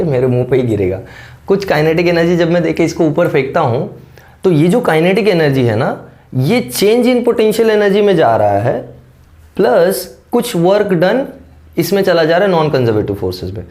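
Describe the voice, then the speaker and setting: A man teaching physics with a sore throat, clearing it now and then and explaining step by step while checking that students follow. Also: on the high side, darkish tone. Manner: explains step by step, keeps checking understanding with "correct?". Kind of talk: classroom-style lecture, Hindi mixed with English terms.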